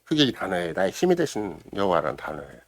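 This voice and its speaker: Fiery pastor swinging from loud to hushed. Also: male voice, low voice, huge pitch swings, quick pace, no echo. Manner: preaches with sweeping swings between loud exclamation and hushed near-whisper; acts out quoted voices and prayers dramatically. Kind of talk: Sunday morning sermon. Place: church sanctuary.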